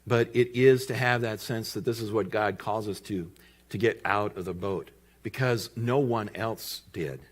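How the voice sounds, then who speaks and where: A male pastor preaching a sermon in church, telling a story with lively delivery and acted-out quotes. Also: fairly low pitch, measured pace. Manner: lively storytelling, acting out voices in quoted lines.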